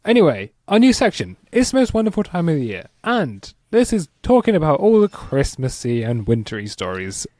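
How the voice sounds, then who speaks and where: A man's voice: fairly high pitch, wildly swooping pitch, normal speed, few pauses, darkish tone, no room sound. A man, co-hosting a casual podcast, teasing and reading out news stories. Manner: teasing, laughs often, reads out news headlines. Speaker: podcast co-host. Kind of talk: casual chat.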